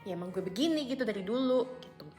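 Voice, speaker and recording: This young woman, in her twenties, chats fast and animatedly in a home vlog, her voice on the high side and a little mellow. Soft music plays in the background of the echoey indoor room, and her filler-heavy talk often switches into English phrases.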